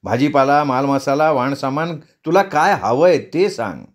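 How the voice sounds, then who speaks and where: A man's voice: mid-range voice, animated, measured pace, close to an everyday voice. A man voicing an impatient grown son who scolds his mother, in a read-aloud story. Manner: scolding, nagging.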